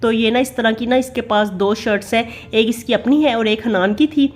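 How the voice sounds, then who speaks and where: Speaking at a moderate pace in a voice on the high side, a middle-aged Pakistani woman with an Urdu accent narrates her family vlog. The voice-over is casual, chatty and homely, with many fillers.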